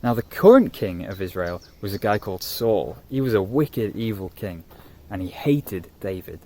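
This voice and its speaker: A man telling a Bible story to camera in an animated, conversational way. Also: fairly low pitch, normal speed. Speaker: youth vlogger and interviewer.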